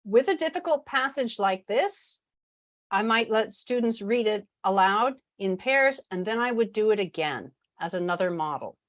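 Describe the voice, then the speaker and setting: A woman leading an online teacher workshop over a video call, chatty and animated, laughing easily as she explains. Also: medium pitch, normal speed. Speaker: teacher trainer. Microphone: video call microphone.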